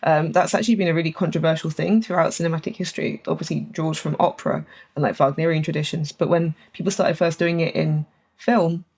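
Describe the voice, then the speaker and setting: A woman's voice: low-pitched, steady tone, quick pace, darkish tone. A woman composer, a podcast guest, explaining her ideas in casual chat, thoughtful and enthusiastic with filler words.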